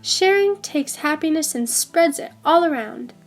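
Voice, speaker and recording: Woman as Share Bear, high-voiced, encouraging cartoon bear. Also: lively intonation, a little slow. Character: kind female cartoon bear, gentle encourager of sharing.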